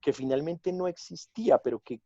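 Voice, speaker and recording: Colombian male guest storyteller, somewhat high, mellow voice, dull dry video-call sound. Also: moderate pace, no room sound. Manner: animated storytelling, drops into quoted voices. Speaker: guest actor and director. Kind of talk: casual chat.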